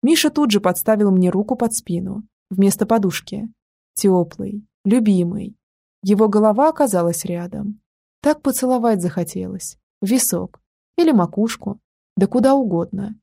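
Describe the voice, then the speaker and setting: A woman's voice: medium pitch, animated, normal speed, gravelly, dark tone, husky, no room sound, studio quality. A woman narrating a first-person audiobook in an intimate, wry manner.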